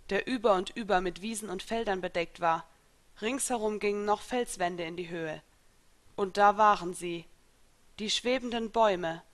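Woman narrator for a first-person story, expressive and lively, mid-pitched, close dry sound. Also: no echo. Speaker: reader.

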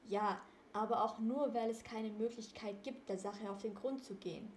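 A woman's voice: fairly high pitch, normal speed, slight background noise, natural voice. A woman reading the part of a nervous, easily frightened teenage boy who complains a lot. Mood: grumbling. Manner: agitated, complaining. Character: jumpy frightened teen boy detective. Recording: roomy echo.

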